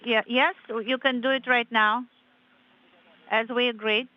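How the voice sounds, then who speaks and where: A woman interpreting on a space radio loop, relaying each line flatly in short bursts over a communicator. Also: a little high, unhurried. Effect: radio communicator sound, muffled with static. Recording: muffled radio loop with faint static.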